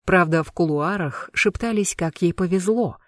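An audiobook narrator with a measured, even storytelling delivery and a voice of middling pitch. The recording is close and dry, with no room sound at all. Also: no echo. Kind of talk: dark fantasy audiobook narration.

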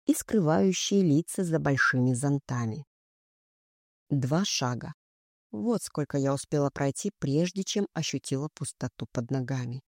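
Mellow, dry audiobook narration. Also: medium pitch, no room sound. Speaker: audiobook reader.

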